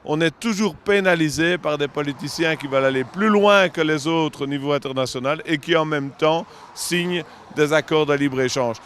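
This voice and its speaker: Articulate farmers' representative. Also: male voice, fairly high pitch, normal speed, fairly bright tone, slight background noise. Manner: articulate, structured.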